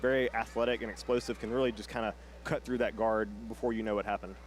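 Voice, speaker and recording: A man's voice: lowish voice, fairly even intonation, quick pace. A man giving analytical, conversational live commentary on a grappling match as a color commentator.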